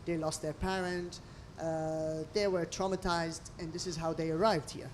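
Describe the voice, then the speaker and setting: The recording is low quality with slight background noise, carrying a deep female voice at normal speed. The speaker, a middle-aged Lebanese restaurant owner, tells stories expressively in imperfect English while interviewed over a meal.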